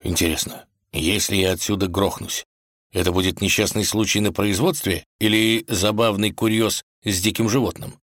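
A man's voice: on the low side, steady tone, normal speed, a bit bright, dry recording. A man voicing a sensible talking grey wolf in a storybook reading, dry and exasperated. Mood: wry.

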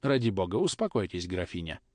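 A man's voice: sits low, big pitch swings, brisk, a little mellow, dry recording, voice pushed down. Theatrical reproachful tutor, as a man puts him on, tragic tone, close and dry.

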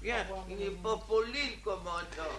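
A man's voice: high voice, moderate pace, over a noisy crowd, lightly acted. A man playing a meek, fussy father-in-law in a stage farce, politely pleading and grumbling. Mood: timid. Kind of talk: theatrical stage farce acting.

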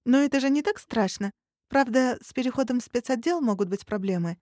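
A woman's voice: fairly high pitch, animated, fairly quick, dark tone, dry recording, studio quality, voice pushed up, close to an everyday voice. A woman voicing a shy, earnest young female trainee hunter in an audiobook. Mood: hesitant.

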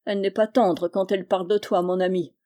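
A woman's voice: medium pitch, fairly even intonation, brisk, mellow, close to an everyday voice. A woman playing a boisterous, mocking old-time sailor. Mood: teasing. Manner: laughing, sarcastic, boastful.

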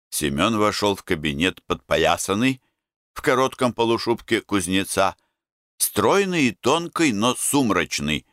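A man reading literary prose aloud as an audiobook narrator, in a measured, calm, deliberate way. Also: lowish voice, no room sound, clean studio sound.

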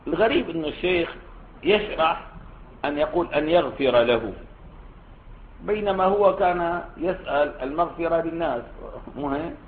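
A man's voice: fairly high pitch, expressive, moderate pace, long pauses, slight background noise. A male scholar giving a classroom lesson explaining a classical text, posing questions to his students as he goes. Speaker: Islamic scholar teaching a text. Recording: tinny phone-like lecture recording.

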